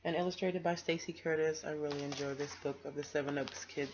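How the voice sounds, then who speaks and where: An American woman hosts storytime, reading a children's picture book aloud with casual asides. Her low voice is fairly even in intonation and a little fast, captured in a dull, noisy home recording.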